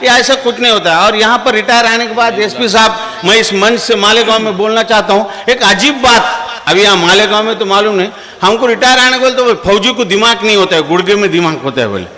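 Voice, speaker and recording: A man's voice: sits high, fairly quick, pushed and bright. A middle-aged man on stage at a live poetry evening, telling comic stories and acting out the characters in his jokes. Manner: chatty, punchline-driven, acts out the characters in his jokes. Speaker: stand-up comic poet at a mushaira. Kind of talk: live humorous storytelling on stage. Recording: echoey hall, live stage PA.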